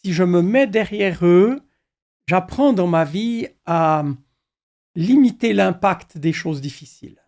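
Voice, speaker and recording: A middle-aged pastor with a slightly high voice, calm and deliberate. He shares his thoughts in a measured, reflective way. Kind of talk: reflective conversation.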